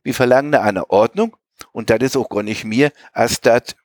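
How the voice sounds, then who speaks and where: A man playing a timid young Low German dock worker. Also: moderate pace, darkish tone, dry recording, studio quality, lightly acted. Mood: stubborn. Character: young bow-legged dock worker, stubborn but timid.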